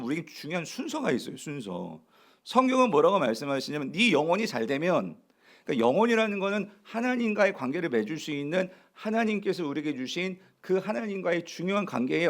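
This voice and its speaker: A pastor delivers a Sunday sermon in a bright, fairly high voice that swings widely up and down. He presses his points with rhetorical questions thrown out to the congregation and leans hard on key words. The delivery is emphatic and lively throughout. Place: church sanctuary.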